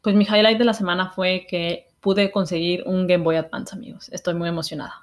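A woman's voice: lowish voice, level tone, fairly quick. A young adult woman with a Mexican accent, hosting a podcast in informal, slangy, casual chat. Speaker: podcast host.

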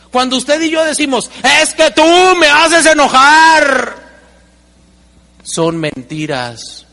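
A man giving an animated seminar talk as a motivational speaker, acting out little dialogues with humor. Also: very high voice. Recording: long hall reverb.

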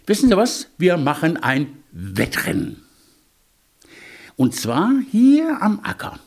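A man's voice: a little high, huge pitch swings, slow pace, creaky, pitched above the performer's own voice, full character voice. A man voicing a polite, cunning male hedgehog in a storybook tale, cheerful and scheming. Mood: eager. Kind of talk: storybook character voice.

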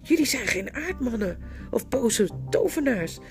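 Bound knight, desperate and pleading, woman narrator doing the voice, loud, high, wide-ranging. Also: sing-song, a little slow, faint music behind. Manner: pleading, rising to frantic shouts. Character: desperate enchanted young male knight, pleading.

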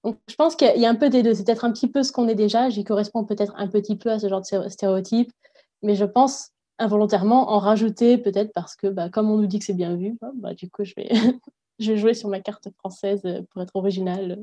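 Woman from France, interview guest. Warm, mellow tone; reflective, hesitant delivery. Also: medium pitch, fairly even intonation, fast. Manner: reflective, thinks aloud with hesitations. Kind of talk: casual interview.

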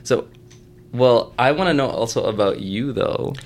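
A young man from Egypt, a podcast guest, talking casually with lots of "like" and quick laughs. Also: medium pitch, a little mellow. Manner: chatty, heavy use of "like", quick laughs. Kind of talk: casual conversation.

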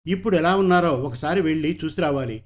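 A man's voice: fairly high pitch, quick pace, close to an everyday voice. A man voicing a hopeful young man who speaks eagerly.

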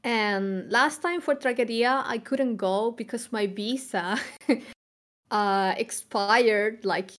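A woman's voice: on the high side, slow, a bit bright. A young woman from Chile co-hosting a podcast, talking casually and reflectively, with frequent fillers and restarts. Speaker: podcast co-host.

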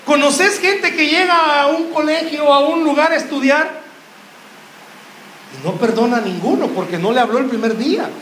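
High, bright-voiced preacher. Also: male voice, normal speed, a little hiss or hum. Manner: joking, quizzes the crowd with questions. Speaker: youth preacher. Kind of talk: sermon. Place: church hall with a live congregation. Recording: roomy church hall echo.

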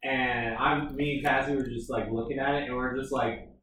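A man's voice: mid-range voice, steady tone, moderate pace, a bit bright. A man chatting casually and loosely, with lots of "like" fillers. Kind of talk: casual chat. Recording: roomy echo, distant mic, faint noise.

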